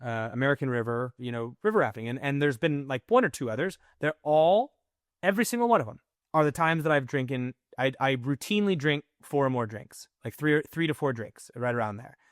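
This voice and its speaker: A man in his thirties co-hosting a casual podcast. He tells personal stories openly and with lively swings in voice, sometimes jumping up to mimic his own inner thoughts. He is heard up close on a dry, closely miked track. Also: medium pitch, fairly quick, dry recording. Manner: candid, animated storytelling with mimicked inner voices. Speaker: podcast co-host.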